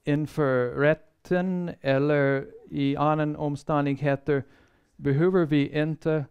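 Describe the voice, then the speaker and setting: A man giving a sermon-style Bible lecture, measured and earnest, pausing often and restarting phrases as he thinks. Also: a little high, steady tone, clear, resonant tone, lo-fi sound. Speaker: Bible seminar speaker.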